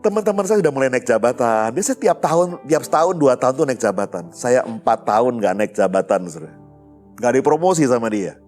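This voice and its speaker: Pastor preaching, faint music behind. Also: male voice, medium pitch, sing-song, brisk, a little mellow. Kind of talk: sermon with personal story.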